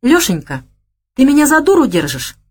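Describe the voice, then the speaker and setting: A woman's voice: normal speed, husky, full character voice. A woman doing a sly, teasing young woman. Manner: teasing, coy, high and lively.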